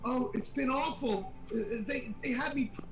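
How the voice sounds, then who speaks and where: A man narrating as game master over an online call, his voice breaking up and going robotic from a bad connection, halting with many fillers. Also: very high voice, roomy sound, music in the background, low-quality recording. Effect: breaking-up, robotic bad internet connection.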